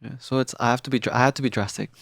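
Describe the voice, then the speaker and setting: An easygoing podcast co-host who chats in a relaxed, agreeable way and often drops in a quick "yeah" or "mm". The voice sits at a medium pitch. The sound is dry and close, with little room around it. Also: creaky, no echo. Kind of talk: casual chat.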